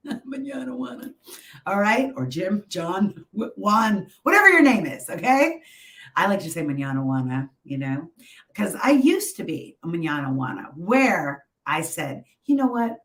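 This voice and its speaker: Lower-pitched woman life coach, motivational talk. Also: sing-song, normal speed, fairly bright tone. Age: middle-aged. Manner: chatty, emphatic pep-talk delivery with rhetorical check-ins. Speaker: motivational speaker and coach hosting a live stream.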